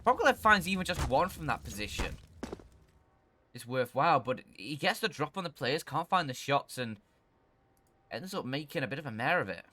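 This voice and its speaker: A man's voice: fairly high pitch, very animated, normal speed, sharp tone. A man commentating live on an esports match in an informal, colloquial caster style. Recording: clear game noise with gunfire.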